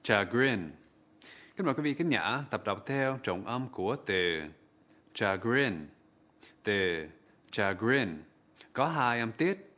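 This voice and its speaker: A man presenting a TV English vocabulary lesson, pronouncing words slowly and formally for viewers to repeat. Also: lowish voice, lively intonation, bright, forceful tone. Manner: slow, formal, deliberate enunciation. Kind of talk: scripted pronunciation drill.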